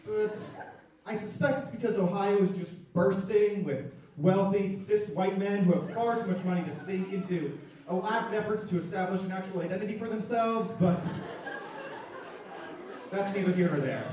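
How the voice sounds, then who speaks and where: A man's voice: high-pitched, a little mellow. Brief: a dry, sardonic male dog narrator played by a man, live stage recording from far back in a hall. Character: wry, worldly male dog Scooby-Doo narrating his memoir. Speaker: student stage actor. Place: theater stage.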